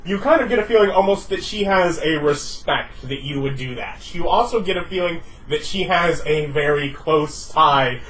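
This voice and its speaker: A man's voice: on the high side, moderate pace, few pauses, a bit bright. Distant-sounding man running a tabletop game. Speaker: game master. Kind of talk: improvised tabletop game narration. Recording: distant mic with faint room noise.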